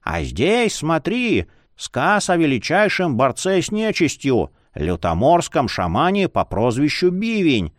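A man voicing a jovial, wheedling old male librarian with a creaky, cackling voice. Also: on the high side, very animated, measured pace, dry recording, studio quality.

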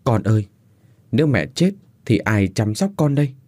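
A man's voice: medium pitch, very animated, normal speed, dark tone, no room sound, clean studio sound, lightly acted. A man voicing a desperate, heartbroken young wife who pleads through tears. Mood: pleading, tearful. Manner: tearful pleading, raised voice.

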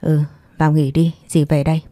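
A woman's voice: deep voice, flat delivery, fairly quick, dark tone, no echo, clean studio sound, natural voice. Woman voicing a kindly village aunt. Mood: sympathetic. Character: kindly, plain-spoken middle-aged aunt.

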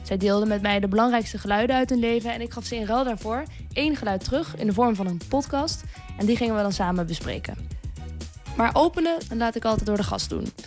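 Higher-voiced woman hosting late-night radio. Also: animated, fast, a little mellow, faint music behind. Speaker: radio host.

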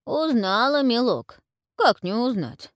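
Shrill old crone witch. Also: very animated, slow pace, no room sound, studio quality. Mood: fearful wheedling. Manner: shrill, wailing, folksy old speech. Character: frightened wheedling old female witch.

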